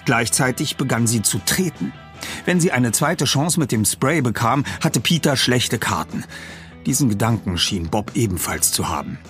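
A man narrating an audiobook with lively storytelling. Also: mid-range voice, normal speed, soft background music. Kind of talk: audiobook reading.

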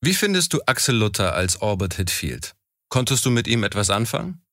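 A man's voice: fairly low pitch, very animated, fairly quick, a bit bright, no room sound, clean studio sound. A man working as an interviewer, asking plainly phrased questions.

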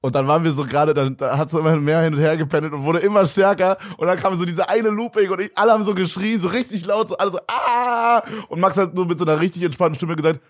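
Fast-talking slangy young man. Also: a little high, fairly even intonation, dry recording, clean studio sound. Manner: slangy, rapid storytelling with youth slang. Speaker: podcast co-host. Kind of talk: casual podcast chat.

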